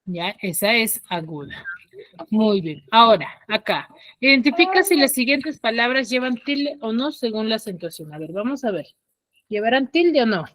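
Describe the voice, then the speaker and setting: A woman's voice: a little high, expressive, normal speed, a bit bright, dry recording. A woman teacher on a video call, patiently quizzing her students and confirming their answers. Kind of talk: online class quizzing students.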